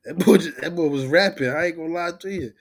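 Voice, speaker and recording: A man's voice: on the high side, fast. A young man casually commenting while watching a rap battle, with laid-back asides. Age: young adult. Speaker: reaction host.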